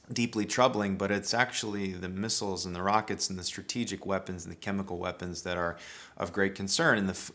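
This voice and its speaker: Middle-aged American male Bible teacher, slightly low pitch, earnest emphatic monologue delivery. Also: a bit bright. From United States. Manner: earnest, emphatic, with frequent restarts.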